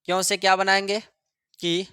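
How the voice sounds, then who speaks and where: A male teacher giving a grammar lesson, repeating each example sentence slowly for students to copy. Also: high-pitched, completely flat delivery, bright, forceful tone, clean tone, no room sound, clean studio sound. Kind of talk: classroom lesson.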